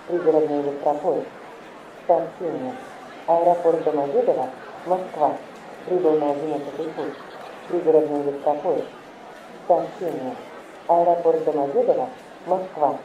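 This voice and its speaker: A man making formal railway station announcements in measured, segmented phrases, in the manner of an airport announcement. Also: a little high, recorded from a distance. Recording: muffled, echoey station loudspeaker, noisy crowd.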